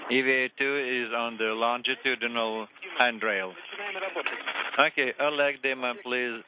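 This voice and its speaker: A man on a crackly space radio communicator link, giving slow, clipped procedure calls during a spacewalk. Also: mid-range voice, fairly even intonation. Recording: muffled radio transmission with static.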